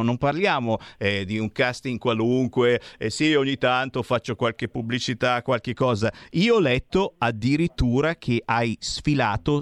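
A man's voice: mid-range voice, dry recording. A man hosting live radio, speaking emphatically with exclamations and words repeated for effect. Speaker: radio host. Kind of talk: live radio chat with callers and guests. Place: radio studio.

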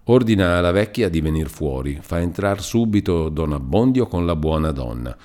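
A man reading a classic novel aloud as an audiobook narrator, measured and expressive. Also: low-pitched.

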